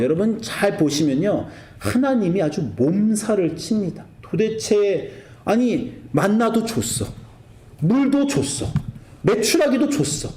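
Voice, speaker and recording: A middle-aged male pastor preaching a sermon in a lively way, acting out scripture and family quarrels in raised voices. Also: sits high, reverberant.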